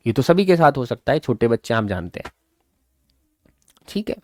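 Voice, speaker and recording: A man's voice: mid-range voice, sing-song, normal speed, dry recording. A man teaching a lesson casually, reading English lines aloud and explaining them in a chatty way. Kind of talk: casual classroom-style lesson.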